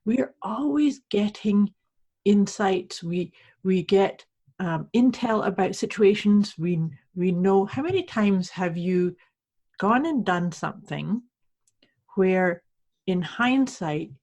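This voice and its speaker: A woman from Canada with a rather husky voice at a middle pitch. She hosts a podcast as a coach, explaining things conversationally and choosing her words in a polite, measured way. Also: lively intonation, a little mellow. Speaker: podcast host, intuition coach. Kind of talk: conversational teaching.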